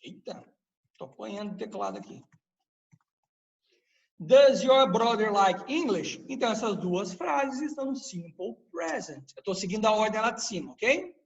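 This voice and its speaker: A man's voice: sits high, sing-song, moderate pace, creaky, lo-fi sound. A man teaching English grammar in a live online class, patiently explaining and quizzing his students with questions.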